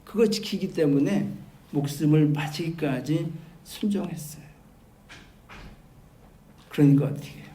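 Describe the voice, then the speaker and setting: A male pastor preaching a sermon. He turns from loud, emphatic exclamations to soft, quiet asides. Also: a little high, measured pace, long pauses. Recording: roomy church hall with faint background noise.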